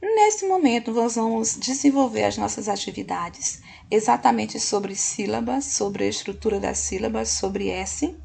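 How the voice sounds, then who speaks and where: Gravelly, husky woman teacher. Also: mid-range voice, steady tone, darkish tone. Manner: patient, slow, often checks in with "ok?". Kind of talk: recorded classroom lesson.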